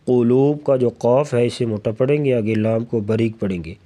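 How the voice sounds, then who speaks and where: A man teaching a recitation lesson who chants verses slowly and explains the rules quickly in a low voice. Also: mellow. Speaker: Quran tajweed teacher. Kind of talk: tajweed lesson, slow melodic recitation alternating with rapid explanation.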